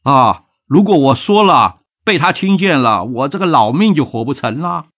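A man's voice: fairly high pitch, normal speed. A man voicing a timid, frightened old village man in a told folk tale. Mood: fearful. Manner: lively storyteller's voice for a fearful elder.

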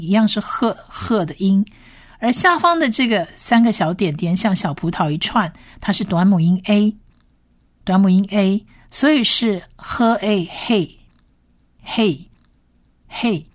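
A woman teaching biblical Hebrew to radio listeners, reading words slowly and repeating each sound carefully. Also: mid-range voice. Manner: slow, careful syllable-by-syllable pronunciation drills. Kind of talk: radio-style language lesson.

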